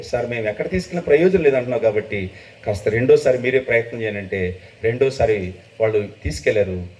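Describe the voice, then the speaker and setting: A middle-aged man preaching a testimony sermon, telling his story with emotion and rising to loud, high bursts. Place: church gathering. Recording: distant dull mic with faint noise.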